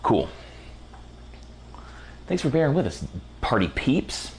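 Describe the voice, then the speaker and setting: A man teaching a casual photography lighting tutorial in a relaxed, slangy, enthusiastic way while he is losing his voice. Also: mid-range voice, slow, slight background noise. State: losing his voice, clearing throat. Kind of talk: casual product walkthrough tutorial.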